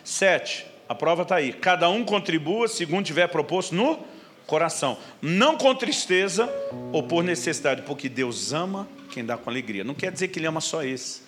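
A man, a pastor preaching a sermon in an animated, storytelling way and addressing the congregation. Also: a little high, normal speed. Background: guitar music.

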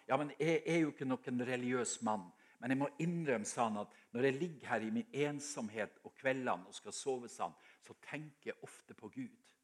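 A man's voice: medium pitch, husky. An older man from Norway's Helgeland coast with a Northern Norwegian accent, preaching a heartfelt sermon and telling stories with frequent restarts.

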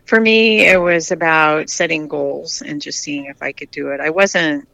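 This retired US cyclist in their sixties gives chatty, candid interview answers full of restarts and repeated words. The mid-range voice is gravelly, bright, and forceful, with fairly even intonation and a slightly slow pace, and no room sound is heard.

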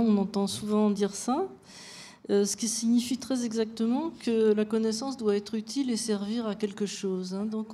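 A woman speaking on a discussion panel in a measured way, with frequent tag words. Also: medium pitch, warm tone.

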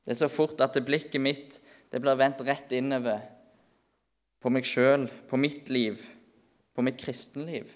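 With a steady, mid-range voice, a man preaches an earnest sermon at a church meeting. He often slows down and softens his delivery for emphasis.

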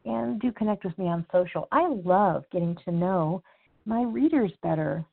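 A woman's voice: on the low side, normal speed, creaky. A woman author talking casually about her writing, chatty and rambling, then reading her own story aloud. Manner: chatty, rambling, with fillers and restarts. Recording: tinny phone-like sound.

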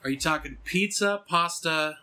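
A man's voice: a little high, pushed and bright, clear, resonant tone. A man co-hosting a podcast, chatting casually and joking around with friends. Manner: jokey, quick to laugh. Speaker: podcast co-host. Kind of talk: casual chat.

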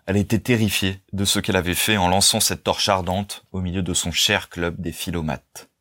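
A man reading a novel aloud as narrator, in a measured, even storytelling manner. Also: low-pitched. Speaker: audiobook narrator. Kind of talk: scripted narration.

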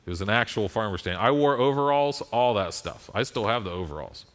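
A man's voice: lowish voice, animated, a little fast. An American man giving a conversational sermon in a folksy, self-deprecating manner, often checking in with his listeners. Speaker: preacher.

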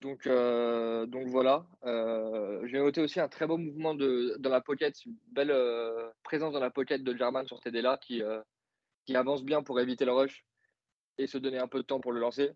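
Co-host masculin bavard, hésitant, quelques euh, son un peu terne et sec. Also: male voice, mid-range voice, fairly even intonation, normal speed, no room sound, lo-fi sound. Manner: chatty, hesitant with many fillers, joking asides. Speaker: podcast co-host, football analyst. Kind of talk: casual play-by-play recap.

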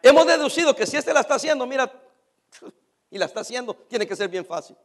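High-voiced preacher shouting and murmuring. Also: male voice, lively intonation, quick pace. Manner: shifts between shouting and near-whispering, acts out church members' complaints. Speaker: pastor. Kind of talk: animated sermon.

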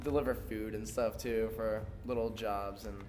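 A man's voice: on the low side, steady tone, normal speed, a little mellow. A man, a skateboarder, joking in laid-back casual chat at a skate event. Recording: echoey with background noise.

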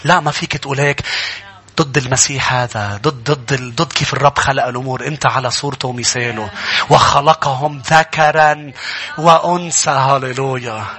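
A pastor preaching a sermon in church, animated and calling out to his congregation. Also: medium pitch, fast talker.

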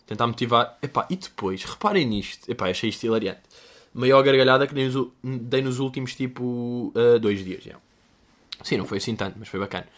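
Slangy young man with a European Portuguese accent. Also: brisk. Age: 20s. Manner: animated, slangy, jumps into high-pitched voices to quote people. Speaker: podcast host. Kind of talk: casual storytelling monologue.

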